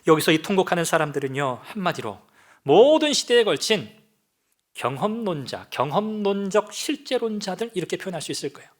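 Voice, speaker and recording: Korean man preaching a dramatic sermon. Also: high-pitched. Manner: dramatic, rhetorical questions, acts out voices. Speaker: pastor.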